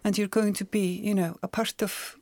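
With a medium-pitched, a little mellow voice and a level tone, this author and journalist from Iceland talks at normal speed, no echo, in a conversational interview. She is thoughtful and frequently repeats words as she hunts for the right one.

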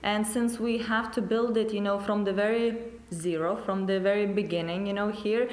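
A woman with a Lithuanian accent, a cheerleading coach answering interview questions, often pausing with fillers and "you know". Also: medium pitch, fairly even intonation, echoey room. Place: dance studio.

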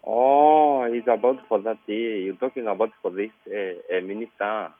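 A man's voice: on the low side, fairly even intonation, moderate pace. A man heard over the phone, a person called by a radio show, giving short, hesitant answers. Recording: tinny phone line.

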